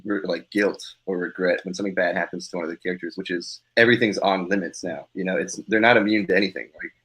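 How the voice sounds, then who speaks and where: A man's voice: deep voice, fairly even intonation, quick pace, fairly bright tone, slightly rough, rough recording. A man co-hosting a podcast, chatting casually with frequent laughs, fillers and restarts. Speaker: podcast co-host. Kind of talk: casual chat.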